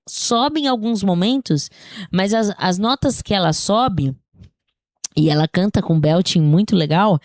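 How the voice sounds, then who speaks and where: A woman who teaches singing talks through a relaxed lesson despite a slightly sore throat, regularly checking in with her audience. Her voice is mid-range and a touch mellow, captured at studio quality without echo.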